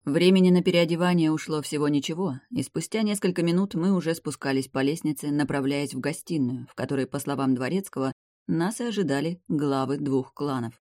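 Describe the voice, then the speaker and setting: An audiobook reader giving slow, measured first-person fantasy narration. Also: mid-range voice, a little mellow, no room sound, studio quality.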